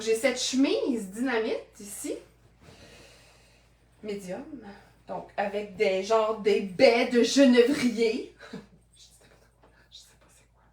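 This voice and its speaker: A woman with a Québécois accent chatting playfully as she tries on secondhand clothes, talking to a camera across an indoor room. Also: on the high side. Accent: Québécois French. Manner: playful, chatty, jokes to herself. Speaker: vlogger showing secondhand clothes. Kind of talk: casual fashion try-on chat. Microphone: camera at a distance. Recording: roomy echo from mic distance.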